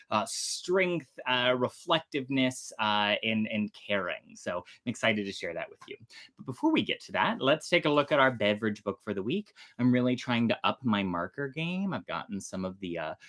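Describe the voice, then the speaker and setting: Presenting to camera on a casual livestream, a storytelling show host talks to an online audience in a chatty, theatrical manner. Their voice is medium-pitched and a bit bright.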